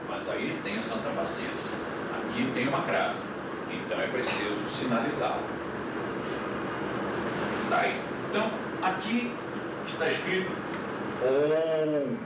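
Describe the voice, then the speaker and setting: A man's voice: a little high, expressive, a little slow, long pauses. A Brazilian man teaching a yoga class in a classroom, lecturing in a chatty way and asking his students questions, heard from an old VHS tape. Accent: Brazilian Portuguese. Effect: old VHS tape recording. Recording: echoey distant hiss of old VHS tape.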